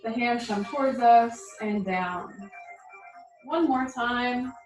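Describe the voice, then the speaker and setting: A woman's voice: fairly high pitch, slow, darkish tone. Woman instructor in a roomy, echoing space. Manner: encouraging, reassuring, informal. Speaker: tai chi instructor. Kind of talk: guided movement class with spoken cues. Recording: roomy echo, music behind.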